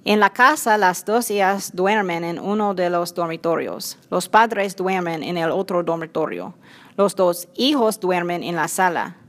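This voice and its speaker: Low-voiced woman reading a story. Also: animated, fairly bright tone. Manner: clear, simple, measured reading. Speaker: narrator. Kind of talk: scripted storybook narration.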